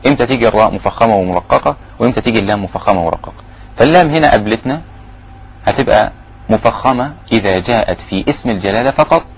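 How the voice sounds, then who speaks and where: Husky Egyptian man teaching recitation. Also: fairly low pitch, highs cut off. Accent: Egyptian Arabic. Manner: quick explanations broken by slow, drawn-out recited phrases. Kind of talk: recitation lesson.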